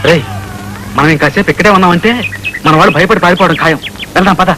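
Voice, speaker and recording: Quick scheming guy in a comedy film scene, bright high voice, rattles it off. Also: loud music behind the voice, low-quality recording. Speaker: comic actor in a film scene. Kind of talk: comic film dialogue.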